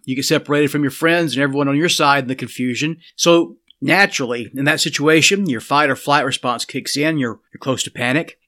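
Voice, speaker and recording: A man's voice: a little high, fairly bright tone. A man delivering a scripted political commentary monologue, speaking earnestly and addressing the listener directly.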